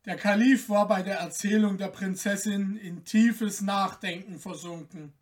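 Slow measured fairy tale narrator. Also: medium pitch, steady tone, recorded from a distance. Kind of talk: fairy tale audiobook reading.

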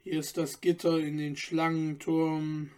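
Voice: mid-range voice, flat delivery, measured pace, mellow, clean tone, lightly acted. A narrator voicing an old jailer with a muffled, subdued voice. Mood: grim. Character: old gloomy male jailer.

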